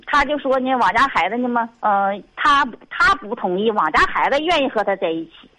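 A woman's voice: on the high side, animated, fairly quick, sharp tone, poor audio. A middle-aged woman with a Northeastern Mandarin accent calling an advice show, sighing and rambling in exasperation. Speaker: caller. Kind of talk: call-in conversation.

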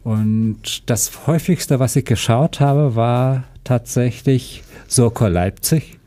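A man with a Russian accent speaking German as a second language, telling his story casually and haltingly as an interview guest. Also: mid-range voice, mellow. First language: not a native German speaker. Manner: halting, searching for words.

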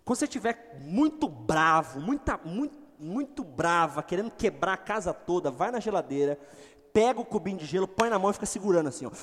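A middle-aged man preaches with a slightly high voice. He jumps between loud, excited outbursts and low, confiding asides. His voice rings with a long hall reverb. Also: brisk, slightly rough. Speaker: pastor. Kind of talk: sermon.

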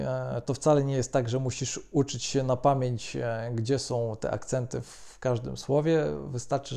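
Male language teacher, mellow gravelly voice, measured delivery with fillers. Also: mid-range voice. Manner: measured, hesitant with frequent fillers. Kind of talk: explanatory lesson.

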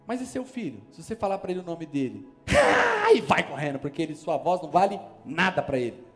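A man with a fairly high voice preaches in a Brazilian Portuguese accent, pressing each point with emphatic force. His sermon swells toward sudden loud calls. A faint wash of music sits behind him. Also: animated, fast. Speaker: pastor. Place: church service.

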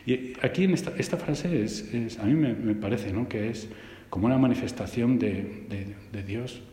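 A man from giving a homily as a priest, telling anecdotes in a lively way, often restarting his sentences. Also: medium pitch, normal speed, reverberant, big-room sound. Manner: lively storytelling with frequent restarts.

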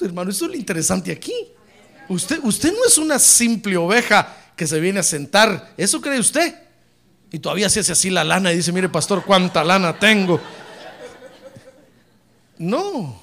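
High, gravelly, animated male preacher. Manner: lively, joking preacher who keeps calling listeners brother. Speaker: pastor. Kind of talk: sermon. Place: church service.

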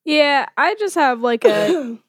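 A woman's voice: high voice, very animated, slow, no echo, studio quality. A young woman co-hosting a movie podcast, chatting casually with wry, slangy phrasing. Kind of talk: casual chat.

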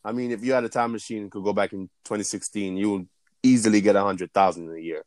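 A man's voice: lowish voice, steady tone, quick pace, a little mellow, no room sound. A man chatting casually as a co-host answering questions, in a slangy, sweary frat-bro way with repetitive, emphatic phrasing. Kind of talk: casual unscripted chat answering listener questions.

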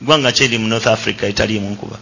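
A fast-talking preacher from Uganda delivers his sermon in short bursts for an interpreter. His voice is bright and husky, and he leaps upward in pitch to drive points home. The recording is dull and lo-fi. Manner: animated, switches pitch high for emphasis. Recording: dull lo-fi sound.

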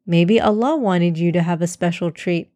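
Woman playing kind auntie, gentle, slow, warm storybook voice, dry. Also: fairly low pitch, no echo, lightly acted. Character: kind older woman serving donuts.

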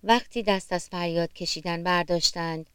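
Woman gently reading a children's story. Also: fairly low pitch, steady tone, smooth, dry recording.

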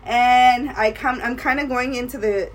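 A woman's voice: fairly high pitch, steady tone, unhurried. A young woman co-hosting a podcast, telling a story in a casual, profane way and often breaking into laughter. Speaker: podcast co-host. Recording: slightly distant mic with faint room noise.

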